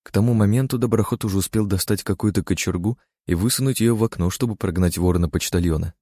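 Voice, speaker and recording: A man reading first-person fiction as an audiobook narrator, steady in narration and livelier in dialogue. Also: fairly low pitch, fast talker, no echo, studio quality.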